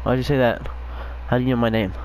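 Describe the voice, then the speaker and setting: A man's voice: medium pitch, steady tone, quick pace, a little mellow, a little hiss or hum, poor audio. A man playing an online game, improvising role-play banter with a sarcastic, crude joking manner. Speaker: online video game player.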